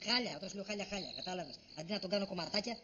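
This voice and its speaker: A man's voice: high-pitched, background noise, lightly acted. An actor playing a grumbling, overworked man who complains dramatically in a TV comedy series. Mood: complaining. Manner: whiny, complaining, exasperated. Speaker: put-upon office worker. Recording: dull lo-fi TV audio with music.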